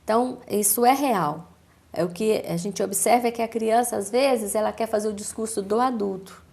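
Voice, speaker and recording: A woman with a Brazilian accent, a speech therapist giving a calm, didactic explanation in a TV interview, with measured pauses. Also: medium pitch, vocal fry. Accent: Brazilian Portuguese.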